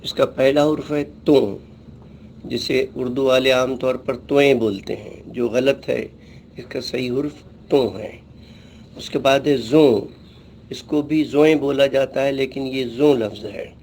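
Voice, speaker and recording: A middle-aged male teacher works slowly through a language lesson, pausing to name each letter and sound it out with care. His pitch sits in an ordinary middle range. A faint hum of background noise sits under the voice. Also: fairly even intonation, darkish tone. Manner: patient, explains each sound carefully and repeats letter names. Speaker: Urdu teacher. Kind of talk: slow alphabet lesson.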